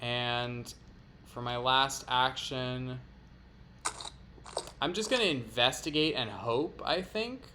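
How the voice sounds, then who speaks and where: Bright-voiced playful man at the game. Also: mid-range voice, takes it slowly, pauses often, slight background noise. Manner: playful, laughing, explaining moves. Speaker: player. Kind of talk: playing a card game aloud.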